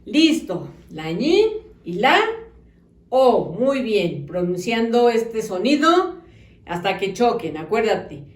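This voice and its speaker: A woman teaching children a phonics lesson, sounding out syllables slowly and clearly. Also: a little high, sing-song, recorded from a distance. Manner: slow, exaggerated sounding-out of syllables. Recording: echoey room, voice off-mic.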